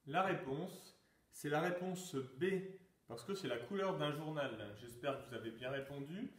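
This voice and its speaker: A fairly high-voiced man quizzing his pupils on sport trivia and calling out "top" before each workout exercise. He sounds set back from the mic in a reverberant room, reading each answer choice in a teacherly way. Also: unhurried. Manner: announcing questions, calling out "top!" to start exercises. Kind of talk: lockdown quiz and exercise session. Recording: echoey room, mic far off.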